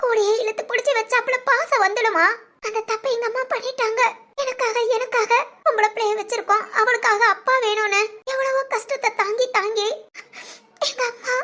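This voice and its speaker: A woman voicing a young woman who grieves for her absent father, speaking softly and tearfully in an audio drama. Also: very high-pitched, steady tone, normal speed. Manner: soft, tearful and polite.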